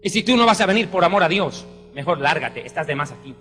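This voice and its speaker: A man's voice: on the high side, expressive, fast, fairly bright tone. A man preaching a sermon with fervent, exclamatory emphasis. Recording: reverberant hall with faint music.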